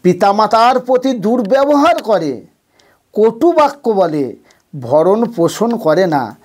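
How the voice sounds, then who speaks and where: A man giving an impassioned devotional sermon, admonishing listeners and ending by chanting verses slowly. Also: sits high, sing-song, a little mellow, husky. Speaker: religious preacher.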